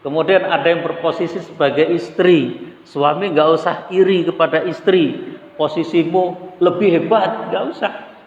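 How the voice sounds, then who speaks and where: A man giving a relaxed, conversational sermon in a mosque, asking his listeners rhetorical questions. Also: a little high. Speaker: Islamic preacher. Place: mosque hall. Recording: echoey hall, dull lo-fi sound.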